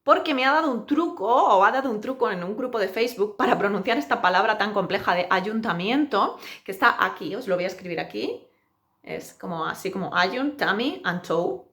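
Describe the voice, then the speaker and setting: A woman teacher giving a pronunciation lesson, saying example words slowly and with exaggerated care. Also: medium pitch, lively intonation, fairly bright tone. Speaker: Spanish teacher.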